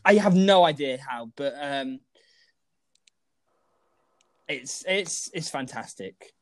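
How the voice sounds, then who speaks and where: A man co-hosting a casual sports podcast, excitable and teasing as he trades jabs. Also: a little high, slow, no echo. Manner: excitable and teasing, shouting names. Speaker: podcast co-host.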